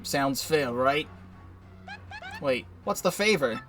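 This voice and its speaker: Man doing a low hushed mob boss, menacing, gruff, faint game music. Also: animated. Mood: scheming. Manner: low, slow, quietly threatening.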